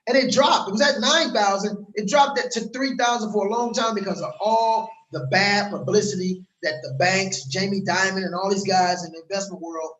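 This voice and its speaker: High-voiced man giving a hard-sell vlog. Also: normal speed, hardly any pauses, a bit bright, roomy sound, a little hiss or hum, rough recording. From Los Angeles. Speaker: crypto course promoter. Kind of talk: casual vlog pitch. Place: outdoors in a warm place.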